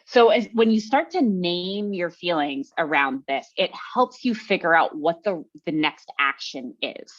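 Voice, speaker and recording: A woman leads an online workshop with a lower-pitched voice, chatting casually and often tagging her points with a quick question to the group. The call audio is dull and lo-fi. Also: lively intonation. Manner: conversational, often tags sentences with "right?". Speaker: workshop presenter. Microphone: video call.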